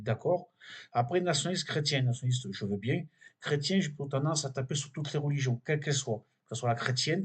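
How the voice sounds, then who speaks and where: A man's voice: medium pitch, husky. A man with a French accent hosting a weekly video, reading an online biography aloud and adding his own opinions, with many fillers and restarts. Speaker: video host reading and commenting. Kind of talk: casual commentary reading from a web page.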